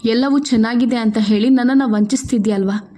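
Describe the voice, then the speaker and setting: Earnest, protective young husband in a storybook, voiced by a woman with a high voice. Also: fairly even intonation, brisk, dark tone, natural voice. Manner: earnest, pleading.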